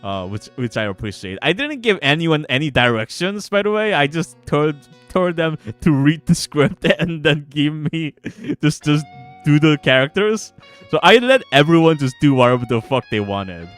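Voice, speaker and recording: This man's voice runs on the high side and sounds expressive at a normal speed. He is a game developer chatting casually on a livestream, with some read-aloud narration, stammering and repeating himself as guitar music plays.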